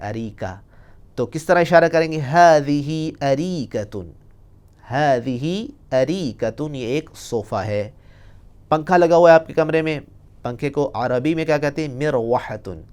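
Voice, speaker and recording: Guy teaching an arabic lesson, very clear smooth voice, says the examples real slow. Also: mid-range voice. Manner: slow, drawn-out pronunciation of example phrases; patient step-by-step explanation with repeated examples. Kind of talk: recorded language lesson.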